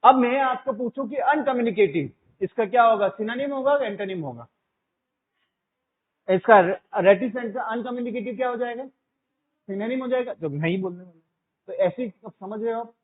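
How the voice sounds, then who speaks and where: A man's voice: sits high, normal speed. A male teacher giving a classroom vocabulary lesson, drilling his students with repeated questions and calling them 'beta'. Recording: tinny phone-like sound.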